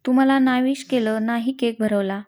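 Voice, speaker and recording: A teasing young husband in a family story, pitched a little low and soft, as a woman narrator puts him on. His tone is warm and mellow, with playful fondness that turns short-tempered. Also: steady tone, moderate pace, lightly acted. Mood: affectionate teasing.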